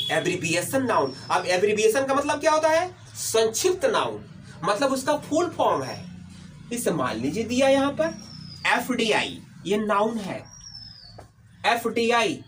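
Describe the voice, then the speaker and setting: A man's voice: sits high, a bit bright. A male English teacher giving a classroom-style lecture. He asks questions and answers them himself, repeats key points, and calls his students dear. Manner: addresses students fondly as "my dear". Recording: voice from a distance, faint background noise.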